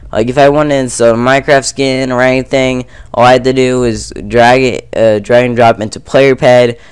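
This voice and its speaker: A young man talks through a computer game mod tutorial in an offhand, rambling way, full of fillers. He has a head cold that leaves him stuffy, though his voice stays smooth. The recording is dry and close, from a computer mic. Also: mid-range voice, flat delivery, normal speed, dry recording. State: congested with a cold. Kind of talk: casual screen-recorded tutorial. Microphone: computer mic on a screen recording.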